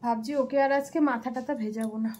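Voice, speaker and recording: A woman's voice: on the high side, steady tone, fast talker, a little mellow, a little hiss or hum. A young woman, a mother, chatting through her day on a home vlog and explaining each step to viewers. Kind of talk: casual home vlog narration.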